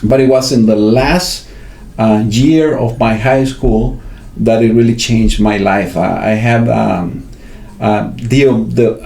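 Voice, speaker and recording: A man speaks as a podcast guest, pausing on fillers and checking in with tag questions. His tone is mellow and relaxed. The room around him is roomy and echoes. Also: mid-range voice, vocal fry. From Venezuela. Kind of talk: casual interview. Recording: roomy echo.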